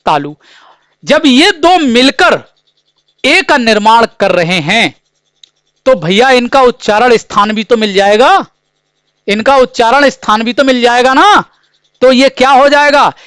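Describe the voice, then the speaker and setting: Guy teaching grammar, really high voice, asks himself questions and answers them over and over, dry close mic. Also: fairly bright tone, clear, resonant tone, dry recording. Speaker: Hindi teacher. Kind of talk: exam-prep grammar lesson.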